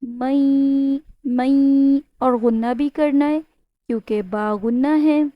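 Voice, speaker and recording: High-voiced woman teaching recitation. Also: no room sound, muffled recording. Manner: patient, explains slowly with questions to students; draws out demonstration words with nasal humming. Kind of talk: Tajweed lesson, teaching step by step.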